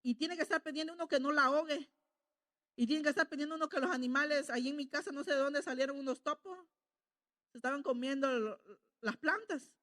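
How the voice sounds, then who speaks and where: A woman's voice: high-pitched, brisk, fairly bright tone. A middle-aged woman preaching a sermon in a conversational way, often checking in with the congregation. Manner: conversational, asks the congregation "¿verdad?".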